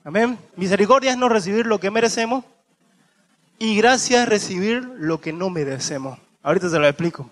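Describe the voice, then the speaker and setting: A man with a high voice delivers a sermon full of animated swings. He acts out the thieves in slangy voices, then slows down and drops low when reading scripture.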